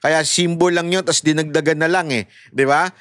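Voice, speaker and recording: A man's voice: fairly high pitch, fairly even intonation, normal speed, a bit bright, no echo, clean studio sound. A man giving heated, sarcastic political commentary straight to his viewers. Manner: mocking, heated and sarcastic, addressing viewers directly.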